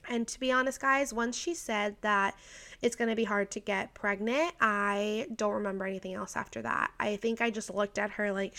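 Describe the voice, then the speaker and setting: A woman in her twenties, a vlogger, talks through a personal story in a medium-pitched, fairly bright voice. She packs her speech with "like" and quoted dialogue, getting emotional and laughing now and then.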